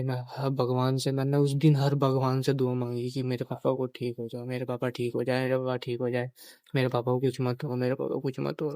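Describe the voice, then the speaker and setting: A young male vlogger with a mid-range, dark-toned voice recalls a painful personal memory, recorded dry. Grieving, he often repeats his phrases and quotes other people's dialogue in this personal storytelling vlog.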